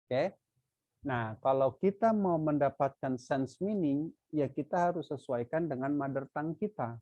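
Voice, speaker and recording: Slow, dull-sounding male grammar teacher. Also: on the high side, dark tone, no room sound. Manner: slow and deliberate, checks in with frequent "ya" and "oke"; poses questions to the viewer, then answers them. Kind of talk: explanatory grammar lecture.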